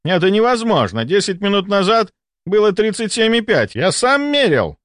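A flustered, arrogant senior doctor snaps in raised, agitated outbursts, as a male narrator puts him on. His pitch jumps lively between lines. The recording is dry and close. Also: a little slow, no room sound, exaggerated voice. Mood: indignant.

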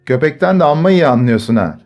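A man's voice: fairly low pitch, expressive, fairly quick, a little mellow, soft background music. A man voicing a harsh, bossy young man in a storybook reading. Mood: scornful. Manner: scornful and bossy.

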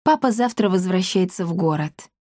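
A woman voicing a calm, concerned grown woman in a storybook reading. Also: fairly low pitch, moderate pace, dry recording, clean studio sound. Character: worried thoughtful grown woman.

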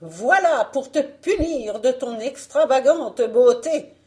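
A woman voicing a vain, murderous queen out of a storybook. She is shrill and loud, pitched high above a dark, mellow reading voice, and slow and sly in her wheedling. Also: animated. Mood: coaxing, false. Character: wicked vain queen, furious and scheming. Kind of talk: audiobook fairy tale reading.

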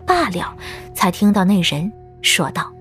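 A woman's voice: mid-range voice, big pitch swings, unhurried, fairly bright tone. A woman narrator reading a scripted story for an audiobook. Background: background music.

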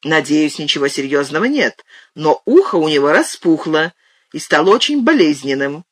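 A man's voice: fairly high pitch, very animated, normal speed. A man reading aloud and voicing a stern retired schoolteacher woman who gives clipped, imperious orders. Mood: commanding.

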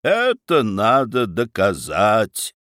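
A sly baron who argues with cheerful irony and cool logic, as a male narrator plays him. The voice stays close to the reader's own but moves with lively pitch. The recording is dry and close. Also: slow, no echo, full character voice. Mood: ironic. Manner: cheerful and ironic, calmly logical. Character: Baron Munchausen, sly, witty defendant. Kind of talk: dramatic reading of a story.

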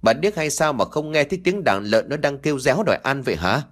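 A man's voice: mid-range voice, expressive, fast, close to an everyday voice. A man voicing a greedy, spiteful village daughter-in-law who nags and scolds sharply in a storybook reading. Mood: scolding.

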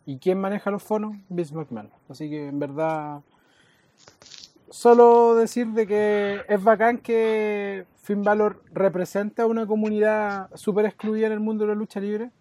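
A man's voice: sits high, fairly even intonation, a little slow, mellow, no echo. A man with a Chilean accent co-hosting a casual wrestling podcast, teasing and knowing in tone. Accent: Chilean Spanish. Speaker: podcast co-host.

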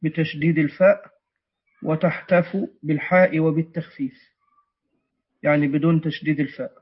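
A man's voice: on the high side, steady tone, quick pace. A man teaching a text, correcting the reader and explaining words, with frequent hesitation sounds. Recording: muffled lo-fi recording.

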